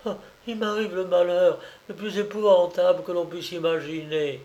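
A despairing young wife in a storybook reading, put on by a man, her voice lifted high and broken with grief. She pleads through tears, fragile and worn out. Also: level tone, normal speed, darkish tone, dull audio, close to an everyday voice.

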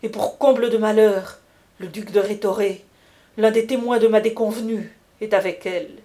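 A woman's voice: medium pitch, steady tone, normal speed, mellow, lightly acted. A woman voicing an anxious, ambitious young man in an audiobook reading, agitated and pleading. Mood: distressed.

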